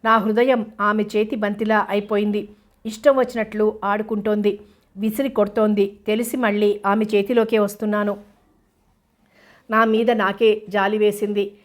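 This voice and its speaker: A woman narrating a novel in a steady, measured audiobook reading. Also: medium pitch.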